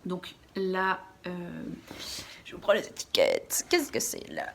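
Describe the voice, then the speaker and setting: A woman's voice: fairly low pitch, huge pitch swings, takes it slowly, gravelly, fairly bright tone, slight background noise. Young woman, chatty podcast host, loose and rambling delivery. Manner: chatty, rambling, with frequent fillers and restarts. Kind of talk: casual chat. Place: dark room at home.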